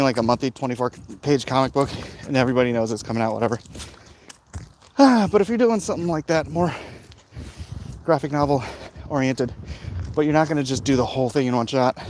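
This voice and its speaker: Passing vehicles and street noise surround this vlog host, a comic book creator on a street walk. His voice is fairly high with a darkish tone, and he chats casually and meanderingly, adding jokey asides.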